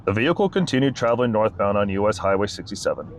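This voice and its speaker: A man, a state trooper, reading his incident report aloud in a flat, formal, methodical way. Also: lowish voice, racing, background noise.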